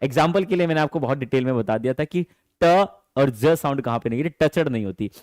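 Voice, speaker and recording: A man teaching an online English class in Hindi, animated and affectionate, calling his students dear children. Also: mid-range voice, fairly quick, dry recording, studio quality. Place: teaching from home.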